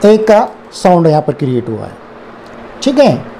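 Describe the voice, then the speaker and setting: Slow, mellow-voiced Indian English tutor. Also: male voice, a little high, wildly swooping pitch, vocal fry, slight background noise. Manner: spells words letter by letter, then repeats them. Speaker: English teacher. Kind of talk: slow explanatory phonics lesson.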